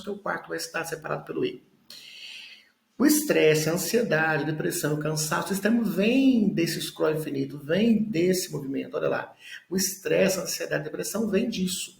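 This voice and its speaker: A man leads an exam-prep lesson, walking through each point slowly and pausing to check understanding. His voice sits a little high and carries heavy fry. The room around him rings with echo. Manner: explains step by step, tags lines with "né?". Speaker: teacher. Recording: echoey room.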